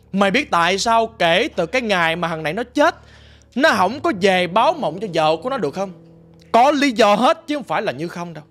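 A man voicing a gruff old master of sorcery who talks bluntly to his disciples. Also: high voice, a bit bright. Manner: blunt, scolding.

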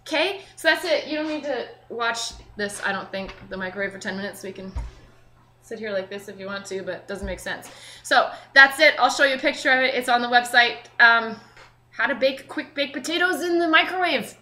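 The echoey, noisy kitchen recording, taken by a camera mic a few feet away, features a young woman hosting a cooking show at home. Her fairly high, sharp voice is animated and a little fast as she chats casually and thinks aloud while working.

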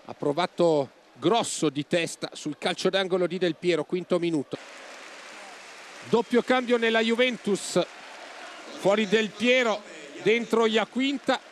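A man giving football highlights commentary in clipped, telegraphic phrases, as a scripted match report. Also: a little hiss or hum.

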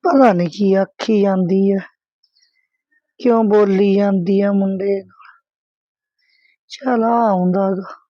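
An older woman playing a gentle, self-sacrificing old mother who speaks slowly and softly, soothing her son. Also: mid-range voice, steady tone, dry recording, muffled recording, lightly acted. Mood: soothing, resigned. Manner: slow, soft-spoken, soothing.

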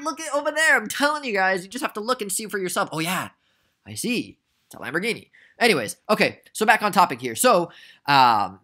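A man's voice: a little high, sharp tone. A young man casually recapping a stock trade for beginners, chatty and prone to rambling tangents. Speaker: trading educator.

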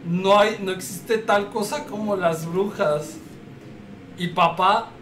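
A man's voice: sits high, takes it slowly, far from the mic. A man streaming a game, crude and joking, a little tipsy. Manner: crude, joking, loud outbursts. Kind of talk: casual game streaming, translating game text aloud. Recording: echoey room with background noise, off-mic.

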